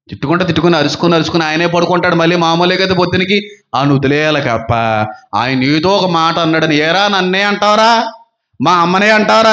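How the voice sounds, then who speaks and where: A male pastor with a high voice delivers a sermon, driving his points home with strings of repeated rhetorical questions. The recording sounds dull and lo-fi. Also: fairly bright tone.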